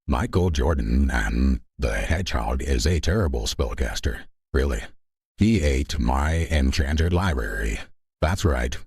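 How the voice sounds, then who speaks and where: A man voicing a boastful, outraged sorcerer in an improvised comedy skit, making bombastic announcements in a gravelly, rough voice. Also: extremely low pitch, darkish tone, dry recording, studio quality, voice pushed down, full character voice. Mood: indignant. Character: ranting boastful male sorcerer villain, comically outraged.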